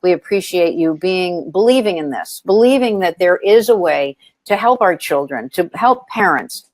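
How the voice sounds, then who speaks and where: A nonprofit founder talks in an interview at a moderate pace, her fairly low, slightly mellow voice carrying lively intonation without echo. She tells her stories earnestly, with many ums and false starts.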